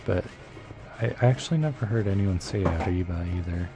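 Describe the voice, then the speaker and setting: A deep-voiced man rambles casually to his viewers while he plays, thinking aloud and filling gaps with fillers. Game music plays clearly behind him throughout. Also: normal speed. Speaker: live-streamer.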